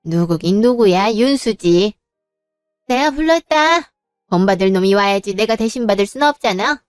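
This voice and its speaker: A woman's voice: medium pitch, expressive, moderate pace, clean tone, no room sound, faint music behind, close to an everyday voice. A woman voicing a domineering older mother who scolds her children and favors her eldest son, in a dramatized story. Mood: scolding. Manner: scolding, indignant.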